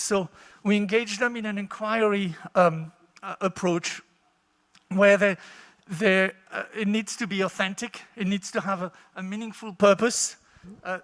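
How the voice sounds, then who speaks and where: A man's voice: high-pitched, a bit bright. A man with a light, feminine-sounding voice talks conversationally to an audience through a handheld microphone in a conference hall. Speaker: teacher, conference participant. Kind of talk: impromptu conference talk to an audience. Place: large indoor conference hall.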